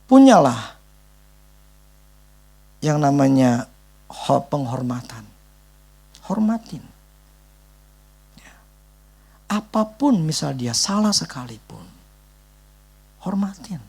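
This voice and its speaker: Animated, emphatic male preacher. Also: mid-range voice, takes it slowly, creaky, long pauses, slightly rough. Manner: emphatic, conversational, repeats "gitu loh". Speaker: pastor. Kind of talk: sermon.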